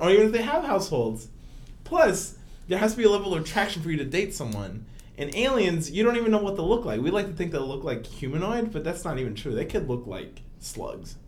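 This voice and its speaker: Cast: male podcast co-host, higher voice, lively swings, rambling and laughing. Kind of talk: casual comedic debate.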